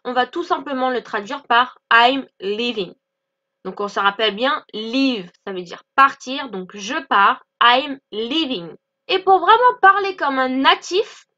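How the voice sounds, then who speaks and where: A woman teaching English in in an online lesson, explaining clearly and repeating example phrases slowly. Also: high-pitched, bright, forceful tone, dull audio.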